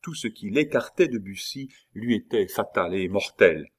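Deep-voiced male audiobook narrator. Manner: steady, measured storytelling. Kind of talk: audiobook reading of a classic novel.

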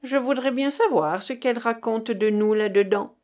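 A woman voicing a small, lively young Polish woman student with rolled R's. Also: on the high side, normal speed, natural voice. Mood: eager.

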